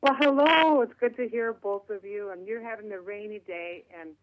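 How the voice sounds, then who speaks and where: Over a tinny, dry phone line with a noisy background, a middle-aged woman from Minnesota, USA, with a Minnesota accent tells her story as a chatty interview guest. Her voice is medium-pitched at a moderate pace, and her humor is self-deprecating.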